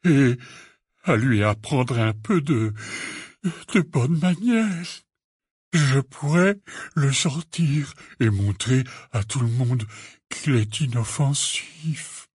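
A man's voice: medium pitch, slow, darkish tone, dry recording, studio quality. A man voicing a huge, anxious, tender-hearted half-giant in an audiobook, stammering and pleading. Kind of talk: audiobook character reading.

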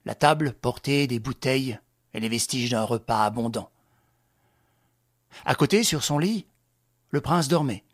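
An audiobook narrator reading a novel aloud in a low, hushed storytelling voice. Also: unhurried, pauses often, no echo, clean studio sound. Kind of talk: scripted narration.

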